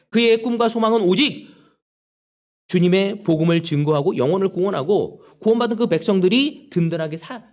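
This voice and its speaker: Male pastor, high voice, dramatic sermon style, lo-fi church recording. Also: darkish tone. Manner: preaching with acted-out prayers and quoted taunts. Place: church sanctuary.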